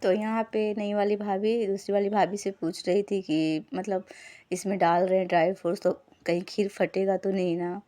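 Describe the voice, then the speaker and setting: Woman vlogger for a casual voice-over; warm, dark timbre, level and even, talks viewers through each step. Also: mid-range voice, normal speed, a little hiss or hum. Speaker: lifestyle vlogger. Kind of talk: casual voice-over narration of cooking footage.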